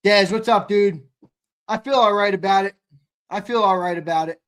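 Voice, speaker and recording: A man's voice: sits high, moderate pace, fairly bright tone. A man hosting a casual live sports reaction stream, talking to viewers like a frat bro and often repeating phrases for emphasis. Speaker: livestream host.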